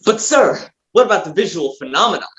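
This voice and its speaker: Reading a comic stage play, a man portrays an eager, dim-witted, flattering manservant whose manner is deferential and hesitant. His voice sits high and he talks fast.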